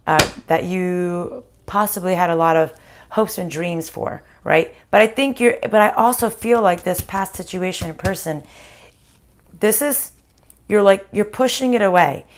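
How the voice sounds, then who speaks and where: A woman hosts an improvised spiritual reading in an everyday middle pitch. Her voice is groggy and slightly hoarse, as if getting over a cold. She talks casually and haltingly, working out each message aloud. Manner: halting, thinking aloud, conversational. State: groggy, recovering from voice loss and sinus infection. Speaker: spiritual card reader hosting a live reading.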